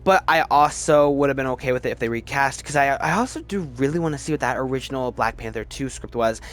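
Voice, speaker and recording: A mid-range male voice talks fast as a video host ranks films. His commentary is casual and opinionated, spoken emphatically with plenty of stammering and repeated words.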